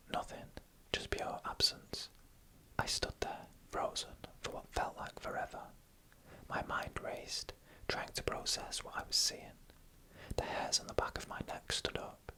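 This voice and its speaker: The recording is low quality, carrying a bright, sharp-edged sound. In it, an ASMR storyteller whispers the whole time, narrating from a script with hushed, deliberate pacing meant to build suspense.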